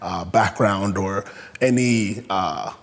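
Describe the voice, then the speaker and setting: A young Canadian man speaks as an interview guest in a low, slow, gravelly voice. He sounds reflective and hesitant, with lots of fillers and restarts. The room is echoey, with a long reverb tail.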